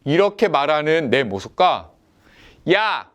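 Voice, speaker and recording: Pastor guy talking to kids, sing-song up and down, kinda high voice, asks lots of quiz questions. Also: sing-song, moderate pace. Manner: gentle, questioning, playful quiz-style teaching. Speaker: children's pastor. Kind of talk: children's sermon.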